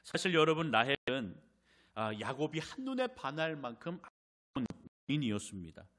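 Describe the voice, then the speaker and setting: A man preaching a sermon in a church as pastor. He tells stories in an animated way and often turns to speak directly to the congregation. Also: medium pitch, brisk.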